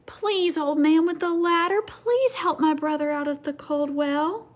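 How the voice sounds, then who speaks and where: Woman acting a frantic, high-pitched little boy. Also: unhurried. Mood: pleading. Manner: shouting, gasping chant of a long name. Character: frightened, breathless little boy Chang, pleading urgently.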